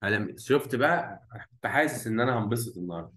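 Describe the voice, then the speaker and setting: A man with an Egyptian Arabic accent runs an English grammar lesson in a lively, singsong way, his pitch rising and falling widely. He slows right down to spell out English words, then hurries back into Arabic to explain them. He keeps prompting his students with quick questions so they fill in the missing word. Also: rough recording. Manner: stretches out English words slowly when modeling them. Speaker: English teacher.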